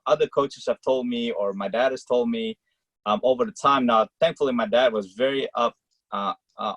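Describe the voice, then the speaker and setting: A man from Malaysia talks as a college tennis coach in a relaxed interview. He speaks in loose, rambling clauses filled with "um" and "uh." His voice sits at a middle pitch, and the sound is close and dry, with no room echo. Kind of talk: casual interview answers.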